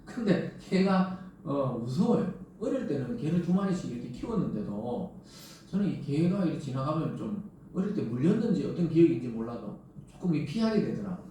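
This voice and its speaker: Lively Gyeongsang-accented pastor in echoey hall. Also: male voice, fairly high pitch, a little fast, slight background noise. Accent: Gyeongsang Korean. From Gyeongsang region of Korea. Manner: conversational, lively preaching with rhetorical questions. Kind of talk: sermon. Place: large church sanctuary. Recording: very echoey church hall from a distance.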